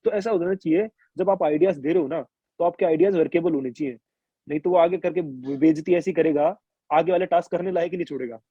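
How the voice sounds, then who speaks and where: A man's voice: on the high side, fast talker, husky, no room sound, muffled recording. A young man from India telling his exam experiences in a chatty, colloquial way, full of restarts and quoted asides. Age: young adult. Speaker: interviewee sharing exam experience. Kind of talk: casual conversational storytelling.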